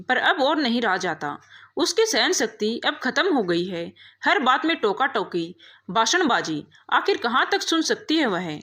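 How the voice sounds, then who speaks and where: A woman reading a moral story aloud as narrator, voicing every character in turn. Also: a little high. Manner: reads every character herself, expressive.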